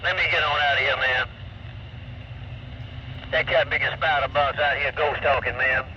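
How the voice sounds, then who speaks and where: A man's voice: medium pitch, fairly even intonation, moderate pace. A man chatting casually in folksy slang, his voice coming over CB radio. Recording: muffled, noisy CB radio transmission.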